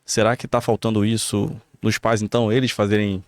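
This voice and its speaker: Brazilian man, podcast host, measured interviewer, dry close mic. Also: fairly low pitch, flat delivery, no echo. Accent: Brazilian Portuguese. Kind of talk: interview questions.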